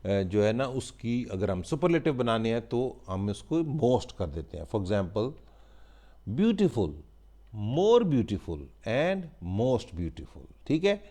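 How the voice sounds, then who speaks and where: Man, grammar teacher, unhurried, warm low tone, reads word lists aloud. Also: very animated. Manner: explains in Hindi-Urdu and reads English word lists slowly; often checks in with a rising "okay?". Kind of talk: recorded grammar lesson.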